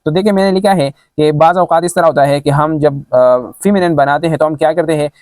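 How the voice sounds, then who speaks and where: Male grammar teacher, slightly high voice, dry close mic, spells words letter by letter with frequent fillers. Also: fairly quick, darkish tone, dry recording. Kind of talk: explaining a grammar lesson.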